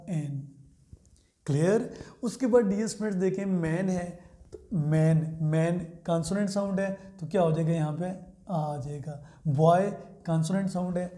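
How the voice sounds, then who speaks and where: A man teaches an English grammar lesson in a warm, mellow voice, walking through each rule step by step and putting questions to his students. He slows down sharply for example sentences. The room has a roomy echo. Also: high-pitched.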